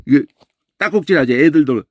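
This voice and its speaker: A man teaching a Bible lesson in an animated way, often tossing in a questioning "eh?" and imitating sounds. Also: a little high, brisk, no room sound. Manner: animated, keeps asking "eh?" and mimics voices and sounds.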